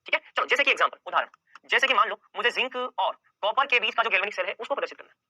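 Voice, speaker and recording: A man's voice: high-pitched, animated, rapid-fire, pushed and bright, low-quality recording. A male chemistry teacher giving an exam-prep lecture, firing off questions and answering them himself and repeating key points over and over.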